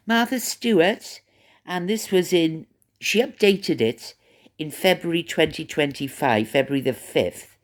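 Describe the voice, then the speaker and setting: A channel host with a Welsh accent and a medium-pitched voice chats to camera with rambling, gossipy commentary. The delivery is stop-start, with repeated words as the host thinks out loud.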